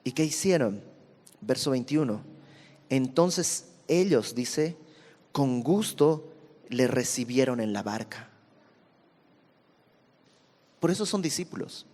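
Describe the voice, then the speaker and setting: A man's voice: mid-range voice, expressive, a little slow, darkish tone, big-room sound. A man teaching a verse-by-verse Bible study, reading verses and explaining them in a conversational way. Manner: explanatory, conversational, reads verses then comments.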